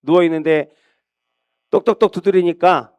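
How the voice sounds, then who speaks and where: A man's voice: high voice, fairly even intonation, normal speed, a little mellow, clean tone, no room sound. A male pastor preaching a sermon, retelling a scripture story in a conversational storytelling manner.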